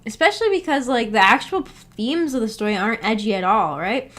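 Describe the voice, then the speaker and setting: A book club host on a casual livestream reads out viewer comments and replies, giggling and hesitating as she rambles. Her voice is a little high, fairly bright and fairly quick, with lively intonation.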